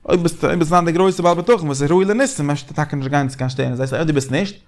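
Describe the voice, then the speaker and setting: Fast-talking gravelly man in study debate. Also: fairly high pitch. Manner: rapid, animated, repeats phrases while thinking. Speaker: Torah study discussant. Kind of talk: casual Talmudic study discussion.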